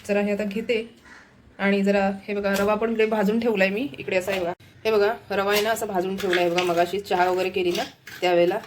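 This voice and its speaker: Walking through her house with a phone camera in hand, a woman vlogs about family life and points her audience toward whatever she's busy with. She talks a little fast in a medium-pitched voice with little pitch movement, over slight background noise.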